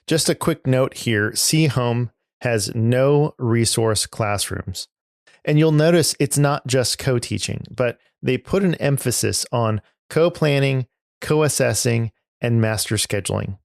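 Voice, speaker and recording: A man narrating his visit to schools as a podcast host, in a measured, reflective storytelling style. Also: medium pitch, creaky, dry recording, studio quality. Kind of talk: scripted narration. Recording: narration over guitar music. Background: guitar music.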